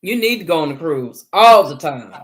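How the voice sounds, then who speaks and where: A woman in her seventies chatting casually as a guest, animated and quick to exclaim and laugh. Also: low-pitched. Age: 70s. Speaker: guest caller on a live chat. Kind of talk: casual chat.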